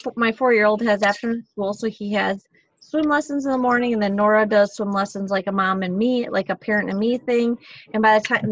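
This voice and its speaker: A woman's voice: a little high, no room sound. Rambling woman on dull call audio. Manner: rambling, self-correcting, casual swearing. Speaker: co-leader, mother of four. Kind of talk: casual meeting talk.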